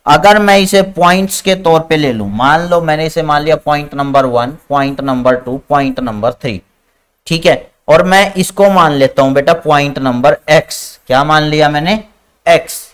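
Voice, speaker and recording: A man's voice: fairly high pitch, normal speed, fairly bright tone, clean tone. A man teaching a biology class online in Hindi mixed with English with an Indian English accent, calling students "beta" and stretching out key terms as he dictates.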